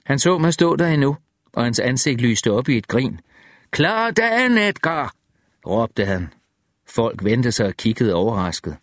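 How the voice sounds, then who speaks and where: A man narrates a first-person audiobook at a calm, measured pace. His voice has a middling pitch, and the recording is dry and close with no reverb. The delivery is reflective and even.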